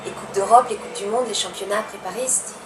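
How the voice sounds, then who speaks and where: With music playing in the background, a young Italian dancer answers an interviewer in a mid-range, steady voice, talking fast but hesitantly, with many fillers and restarts. A distant, roomy mic picks up background noise.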